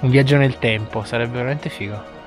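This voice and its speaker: A man's voice: mid-range voice, brisk. A man, talking casually as a vlogger outdoors on a hike. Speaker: hiking vlogger. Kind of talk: casual vlog chat. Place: outdoors on mountain trail. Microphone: action camera at arm's length. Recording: music behind outdoor talk.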